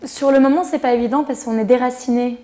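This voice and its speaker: A woman in her thirties from Switzerland chats easily as a singer guest on the radio. Her voice sits a little high, with a warm, mellow tone. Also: fairly even intonation, fast talker. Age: 30s. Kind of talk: casual radio interview.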